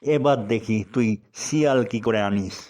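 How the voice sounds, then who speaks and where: In cartoon voice acting, a man gives a natural, darkish, mid-range voice at normal speed to an exasperated middle-aged male village schoolteacher, who is sarcastic and scolding.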